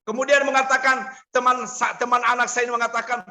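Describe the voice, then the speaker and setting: Bright high-voiced preacher telling a story. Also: male voice, little pitch movement, fast talker. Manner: storytelling preacher, acts out quoted dialogue. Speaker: pastor. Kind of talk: sermon.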